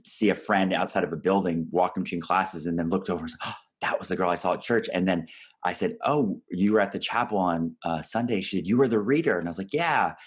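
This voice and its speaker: A man in his forties hosts the interview in a chatty, anecdotal way and laughs easily. His voice is very low-pitched. He talks casually, trading stories with his guest. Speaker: podcast host. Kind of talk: conversational interview.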